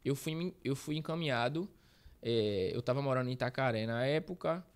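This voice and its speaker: A man's voice: mid-range voice, brisk, clear, resonant tone. A man in his thirties from Bahia, Brazil, a guest telling his life story in a casual interview, rambling and correcting himself as he goes. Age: 30s. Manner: rambling, self-correcting, uses slang fillers. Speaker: guest, street reporter.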